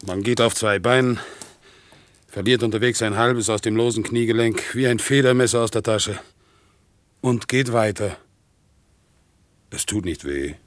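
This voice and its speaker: An actor playing a crippled, devout war veteran on crutches who speaks in an earnest, excitable, stiffly dutiful way, in a 1960s radio drama. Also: male voice, lowish voice, unhurried, pauses often, lightly acted. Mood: brooding.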